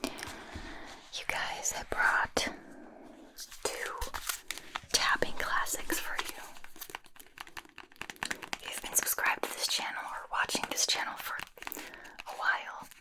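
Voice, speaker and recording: A woman whispering casually to viewers as an ASMR host, chatty and informal, in a breathy unvoiced voice close to the mic. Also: takes it slowly, pauses often. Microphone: close Tascam recorder mic.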